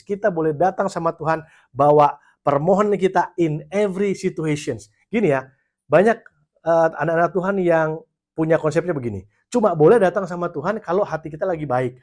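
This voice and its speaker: A man's voice: fairly high pitch, a little mellow. A man giving a casual, conversational sermon to young people, slipping English phrases in between. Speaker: youth pastor.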